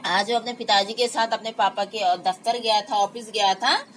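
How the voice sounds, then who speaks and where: A woman's voice: mid-range voice, normal speed, a bit bright, a little hiss or hum, rough recording. A woman teacher reads a textbook play aloud, speaks the characters' lines in their voices and then retells them in simple words. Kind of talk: reading and explaining a textbook play.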